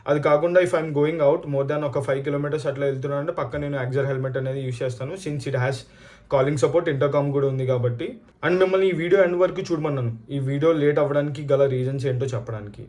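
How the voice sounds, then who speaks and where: In a casual product review and storytelling session for his viewers, a man from India with a Telugu accent mixes in English often, switching back and forth with Telugu. He's a fast talker with a slightly high, slightly mellow voice.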